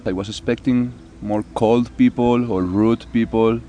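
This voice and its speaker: A man's voice: mid-range voice, fairly even intonation, measured pace, mellow, a little hiss or hum. A young man from Spain, answering interview questions in simple, earnest English. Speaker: exchange student.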